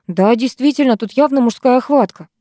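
Woman reading as a stern teenage girl, strict, questioning, raised pitch. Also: moderate pace, dark tone, no room sound, clean studio sound, close to an everyday voice. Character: stern, level-headed teenage schoolgirl in charge.

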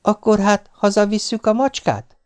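A man reading an audiobook aloud and voicing an exasperated, sharp-tongued middle-aged wife with a raised, scolding voice. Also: clean tone, close to an everyday voice. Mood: coaxing. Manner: scolding, shrill when angry.

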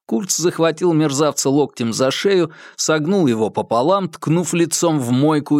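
A man's voice: on the high side, dry recording, clean studio sound. A man narrating a crime story as an audiobook, vivid and dramatic.

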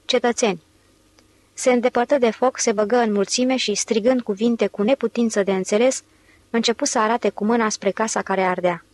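A woman reading a novel aloud in steady, measured literary narration. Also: on the high side, dry recording. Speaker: audiobook narrator.

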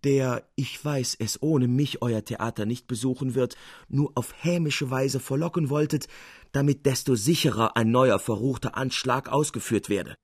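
A man reading aloud a literary tale, voicing an anxious, protective young niece in a raised, pleading, husky voice. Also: medium pitch, moderate pace, no echo, studio quality. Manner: pleading, earnest and agitated.

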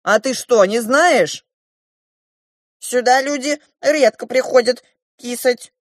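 Cheeky squeaky dwarf, as a woman puts him on. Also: slow, no echo, clean studio sound. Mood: teasing. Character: nosy, cheeky male dwarf servant.

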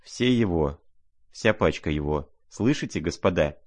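A man's voice: low voice, expressive, unhurried, dry recording. A man voicing a proud, reckless young woman who gives orders in an imperious, scornful way, read in an audiobook. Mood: defiant. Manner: imperious, commanding.

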